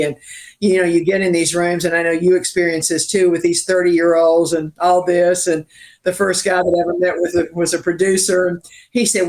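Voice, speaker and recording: An older songwriter from Richmond, Virginia, telling his story as a guest in an interview, acting out quoted dialogue and laughing at his own jokes. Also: on the high side. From Richmond, Virginia, USA.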